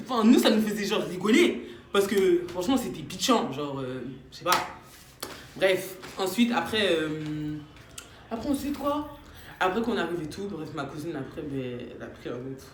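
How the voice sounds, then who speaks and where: Animated young woman telling a story. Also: lowish voice, a little hiss or hum. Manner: animated, slangy, acts out quotes. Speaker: vlogger. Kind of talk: casual storytime. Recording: echoey room.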